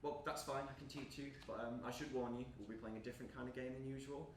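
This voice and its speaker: In a stage play, a young man plays a lonely, eager gamer who rambles and apologises nervously, coming across awkward yet friendly. He talks fast in a steady, mid-range, natural voice. The indoor performance is captured from a distance, echoey and with background noise.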